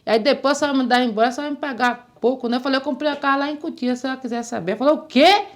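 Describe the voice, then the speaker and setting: A woman being interviewed tells a story in casual talk at rapid-fire speed, her voice sitting high. She is animated and acts out each quoted voice.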